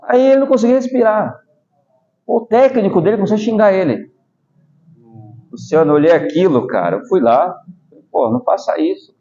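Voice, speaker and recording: A man's voice: high voice, fairly quick, long pauses. A middle-aged Brazilian man, a taekwondo master, telling stories and explaining patiently in a casual interview. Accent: Brazilian Portuguese. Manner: animated, explains patiently with small asides. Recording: slightly dull lo-fi audio.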